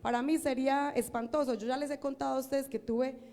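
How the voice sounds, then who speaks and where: A woman's voice: high-pitched, fairly even intonation, fairly quick, mellow. An older woman with a Colombian accent preaching a sermon to a congregation, earnest, repeating phrases for emphasis and asking the congregation questions. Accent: Colombian Spanish. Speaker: church sister preaching. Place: church hall. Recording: long reverb of a church hall.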